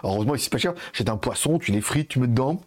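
A man's voice: medium pitch, animated, racing, a little mellow. A man streaming live, chatting casually, laughing often and reading viewer comments aloud. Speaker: Twitch streamer.

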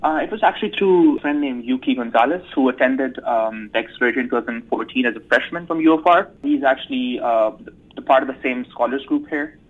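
A man's voice: medium pitch, fast. A young man from Pakistan, a university student, chatting eagerly in an interview and laughing often. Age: young adult. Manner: eager, laughs often, quoting others in asides. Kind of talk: conversational interview. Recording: tinny phone-like line.

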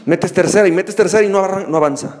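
A man's voice: high-pitched, quick pace, long reverb tail, heavy background noise. A man hosting a solo podcast, telling a playful story and acting out voices along the way. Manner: playful storyteller, acts out friends shouting. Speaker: podcast host. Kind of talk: animated solo podcast talk.

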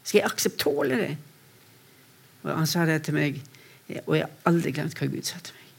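High gravelly-voiced male preacher. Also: little pitch movement. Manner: earnest, repeats words when restarting, shifts between soft and raised voice. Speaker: preacher speaking for a mission to persecuted Christians. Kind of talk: sermon with personal stories.

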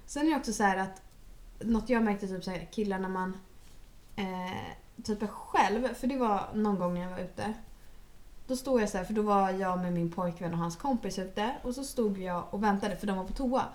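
A young woman, chatting casually and bluntly, telling stories with plenty of swearing. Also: mid-range voice. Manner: blunt, animated storytelling, swears freely. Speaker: podcast co-host. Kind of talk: casual chat.

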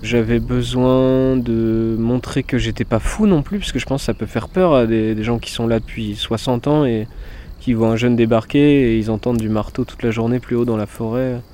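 A young man in his twenties talks in a relaxed, unhurried way, often pausing on fillers and restarting his sentences. His voice sits at a middle pitch. He sounds like someone chatting to a camera crew about his own life. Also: a little hiss or hum. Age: 20s. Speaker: forest cabin dweller. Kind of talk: casual documentary interview. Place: in a forest cabin.

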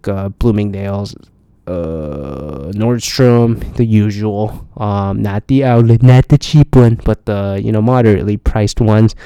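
A tired man hosts a solo travel podcast, rambling casually and profanely with many restarts. His fairly low voice is warm and clean and moves at a measured pace, with no room sound at all.

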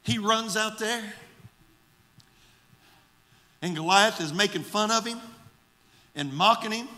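A male pastor preaching a sermon with fervor, moving between shouted exhortation and quiet storytelling. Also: high-pitched, takes it slowly, big-room sound. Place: church sanctuary.

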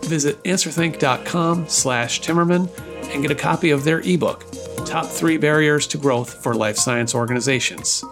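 A man hosting a podcast, reading sponsor spots and then chatting with his guest in a relaxed way. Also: fairly high pitch, music in the background. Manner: brisk ad reading, relaxed chat with fillers. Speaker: podcast host. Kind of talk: read ads, then casual interview.

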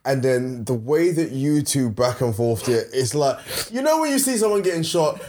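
A man's voice: medium pitch, very animated, moderate pace, a little mellow, slight background noise. A man chatting casually as a podcast co-host. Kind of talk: casual chat.

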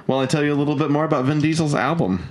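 A man hosting a podcast, laid-back and chatty, often laughing and pausing with "uh". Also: a little high, animated, a little mellow. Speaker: podcast host. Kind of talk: casual chat.

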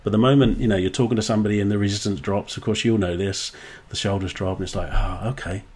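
A man's voice: on the low side, fairly even intonation, quick pace, a little mellow. A man with a Suffolk accent speaking as a coach being interviewed, candid and casual, reflecting and sometimes acting out bits of dialogue. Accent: Suffolk English. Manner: candid, swears casually, acts out quoted dialogue.

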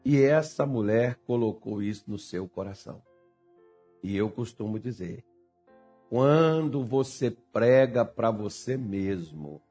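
A male pastor delivers a sermon in a husky, slightly breathy voice at a middle pitch. He moves from quiet, intimate storytelling to loud, insistent emphasis. Faint music plays underneath. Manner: swings from hushed storytelling to loud emphatic preaching.

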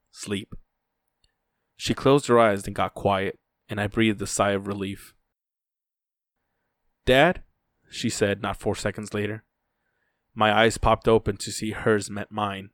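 A man's voice: on the low side, no echo. A man narrating a first-person story in a dry, weary telling.

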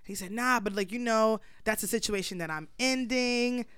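A woman's voice: fairly high pitch, normal speed, fairly bright tone, clear, resonant tone, no echo. A young woman in her twenties co-hosting a podcast, telling a story in casual chat and acting out the dialogue, blunt and profane.

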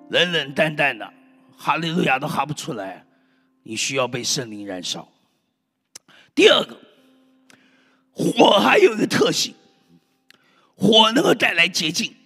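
Animated, bright-voiced male preacher. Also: on the high side, slightly rough. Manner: emphatic, exclaims and calls out to the congregation. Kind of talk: fervent sermon. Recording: reverberant hall with faint music.

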